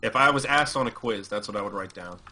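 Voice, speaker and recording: A man's voice: fairly low pitch, quick pace, noisy background. A man co-casting a live game over a voice call, easygoing and joking, often stumbling and restarting. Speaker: esports caster. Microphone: headset over voice call.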